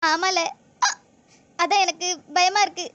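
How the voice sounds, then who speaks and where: A bright, very high voice from a woman acting a cartoon mother-in-law. She is fussy and plaintive, making demands in a southern Tamil Nadu village accent. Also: steady tone, slow, no echo, highs cut off, exaggerated voice. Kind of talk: comedy skit voice acting.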